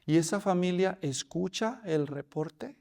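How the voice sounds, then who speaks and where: A pastor preaching a sermon, telling the story in an animated way and addressing listeners as brothers. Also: male voice, sits high, measured pace.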